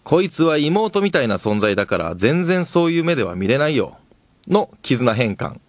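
A man with a Kansai accent hosting a comedy radio show, reading listener submissions aloud and firing back quick-witted comic retorts, often laughing. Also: mid-range voice, very animated, no echo. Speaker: radio host.

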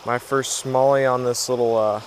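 A teenage boy vlogging a fishing trip by a creek, chatty and excited, filmed on an action camera outdoors. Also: mid-range voice, moderate pace, slight background noise. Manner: excited, chatty, says dude a lot. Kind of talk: casual outdoor vlog narration.

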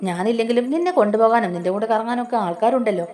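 A woman reads the part of an angry young husband, fast and scornful in a low, mellow tone. He accuses and sneers in quick outbursts. The scene is a spoken serial recap. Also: natural voice.

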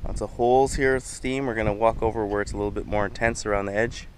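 A man's voice: lowish voice, fast. Man narrating a windy outdoor walk. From Canada. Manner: relaxed, explaining as he walks. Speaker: sailing family vlogger. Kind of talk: casual travel narration. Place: outdoors on a windy volcanic island. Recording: loud wind noise on the mic.

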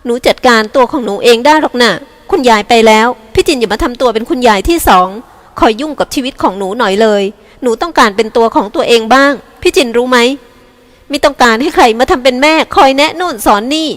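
A woman's voice: high voice, expressive, quick pace, in a large hall, pitched above the performer's own voice. A woman voicing a sulky, hot-tempered younger sister who snaps back resentfully, in an audiobook. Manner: snapping, resentful.

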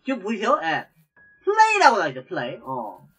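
A woman playing a video game and commenting as she goes, talking to viewers and exclaiming loudly when startled. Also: mid-range voice, wildly swooping pitch, a little fast, husky. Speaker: game streamer. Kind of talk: let's play commentary.

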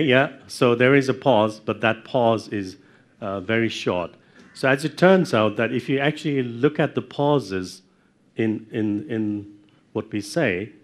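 A middle-aged man giving a university lecture, explaining step by step and putting questions to his audience in a lecture room. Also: medium pitch.

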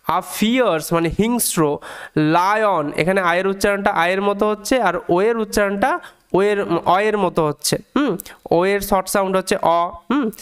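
A male English teacher from India, patiently explaining a reading lesson, breaking words down slowly and repeating key points. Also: high-pitched, clear, resonant tone.

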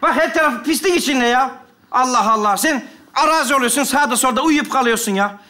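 A man's voice: very high-pitched, fairly quick, bright, forceful tone. A man playing a school principal in a stage comedy sketch, pleading and bossy by turns.

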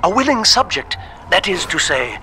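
A melancholy mad scientist turned mutant in a video game. He speaks politely and formally, in a theatrical, slightly high voice, with clear noise behind him. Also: big pitch swings, moderate pace. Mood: lofty, wistful. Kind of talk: scripted video game voice acting.

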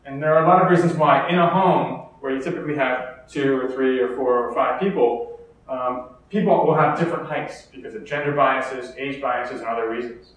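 A man's voice: mid-range voice, moderate pace. Man lecturing in an echoey hall. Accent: American. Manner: explanatory, steady, with occasional fillers and restarts. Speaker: keynote speaker. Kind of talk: conference keynote lecture. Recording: echoey hall, distant mic.

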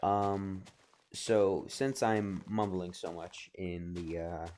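Man, deep voice, casual voice-over, explaining, filler words. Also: fairly even intonation, slow, a little mellow, a little hiss or hum. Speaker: video creator and editor. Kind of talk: voice-over commentary.

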